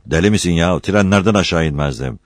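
A man voicing a boisterous, teasing young village barber. His voice is raised and higher than his own, in a storybook reading. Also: quick pace, dry recording, lightly acted. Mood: joking. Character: joking rowdy young male village barber.

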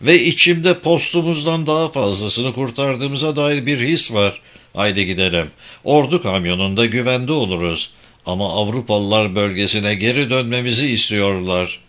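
A man's voice: medium pitch, moderate pace, fairly bright tone, close to an everyday voice. A man reading a novel aloud, voicing a grown man who is a cheerful, tender husband.

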